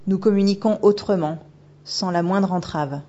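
In an audiobook, a woman voices a mysterious, haughty otter spirit that shapeshifts, sounding commanding, knowing and imperious. Her natural voice is warm and medium-pitched at a normal speed, with the highs cut off.

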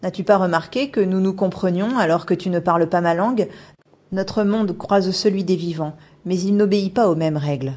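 A woman's voice: lowish voice, moderate pace, a little mellow, lo-fi sound, natural voice. A woman voicing a mysterious, haughty shapeshifting otter spirit in an audiobook, commanding and knowing. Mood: imperious. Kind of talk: audiobook character voice.

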